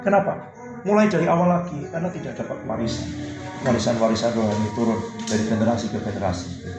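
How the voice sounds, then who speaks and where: A man's voice: medium pitch, quick pace. Chatty male pastor in a roomy hall. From Indonesia. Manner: conversational, repeats "gitu ya" a lot. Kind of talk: sermon. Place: church hall. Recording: roomy hall with music behind.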